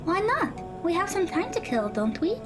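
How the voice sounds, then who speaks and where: With music playing behind her, a woman voices a studious teenage girl in an audio-drama style, her tone very high and animated. She speaks at a normal speed, earnest, encouraging and helpful, picking her words with precise formality.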